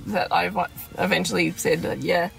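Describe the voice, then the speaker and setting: A woman co-hosting a casual podcast, excitable and jokey, laughing often. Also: medium pitch, fast talker, creaky, music in the background. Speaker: podcast co-host.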